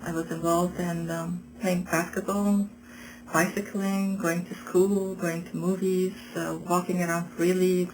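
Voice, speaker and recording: Low-voiced woman from Afghanistan, hesitant. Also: little pitch movement, unhurried, a little mellow, poor audio. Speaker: interviewee. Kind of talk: documentary interview.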